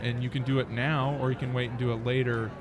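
Being interviewed as a startup founder, this American man speaks conversationally and quickly, his medium-pitched voice showing little pitch movement. Busy crowd chatter from the conference venue beside the expo hall sits behind him.

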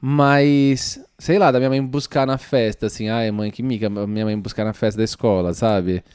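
A man with a Brazilian accent in casual chat, telling embarrassing stories in an animated way. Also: lowish voice, normal speed, clear, resonant tone, dry recording. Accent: Brazilian Portuguese. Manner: animated storyteller, calls his listener "menina".

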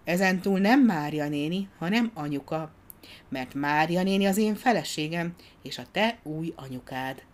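Woman reading a gentle, soft-spoken father in a storybook, low and quiet. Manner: calm, warm, soft-spoken. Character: kindly, gently serious father.

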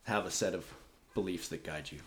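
A man from Canada chatting casually over a conversation card game, thinking aloud with relaxed restarts. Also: deep voice, a little fast, slight background noise. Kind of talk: casual chat.

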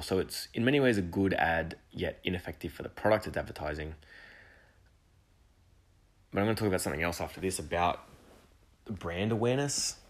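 A man hosting an education podcast alone, talking enthusiastically and rambling with restarts and asides. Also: deep voice. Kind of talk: solo podcast monologue.

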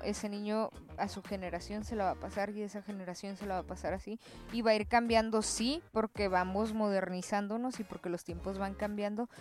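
A woman's voice: medium pitch, darkish tone. A young woman with a Mexican accent in casual, slangy conversation, swearing freely. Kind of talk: casual chat.

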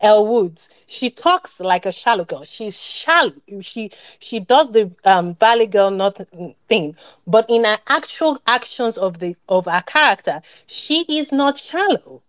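A woman's voice: medium pitch, expressive, a little slow, no echo. A woman co-hosting a podcast, talking casually about a film, rambling with many restarts and fillers. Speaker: podcast co-host.

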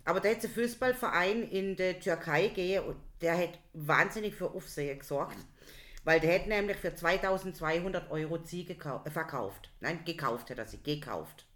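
A woman's voice: on the low side, moderate pace. A woman co-hosting a casual chat, chatty and rambling. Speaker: podcast co-host.

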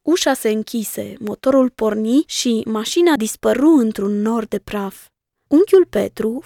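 A woman reads a children's story in the first person, gentle and measured. Her voice sits somewhat high, and the recording is close and dry. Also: vocal fry, dry recording. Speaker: storybook reader.

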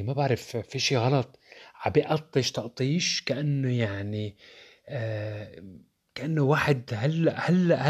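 A young man with a Levantine Arabic accent and a husky, darkish, mid-range voice shares his opinions on phones. As a tech reviewer, he talks casually and rhetorically, addressing viewers directly.

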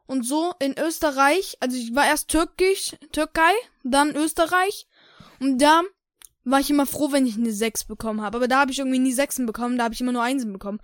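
A woman's voice: sits high, a little fast, dry recording, clean studio sound, close to an everyday voice. A woman playing a cheeky eighth-grade boy who talks in rude street slang with broken grammar, in a comedic role-play sketch. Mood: cocky, bored.

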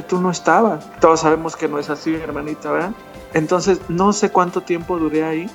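Earnest man telling his testimony. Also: a little high. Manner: earnest storyteller who addresses the listener as "hermanita". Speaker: guest telling his conversion story. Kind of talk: emotional personal testimony. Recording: dull lo-fi sound with faint music behind.

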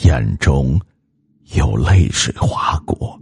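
A male storyteller with a very deep, gravelly, husky voice reads a ghost story. He speaks slowly and builds suspense, his pitch rising and falling in wide swings. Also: animated, a little mellow. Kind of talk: scripted ghost story narration.

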